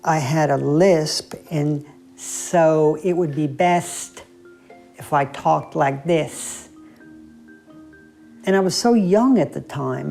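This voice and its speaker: A woman's voice: sits low, creaky, warm tone. A woman telling a childhood story in a chatty, amused way in an interview. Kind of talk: casual interview.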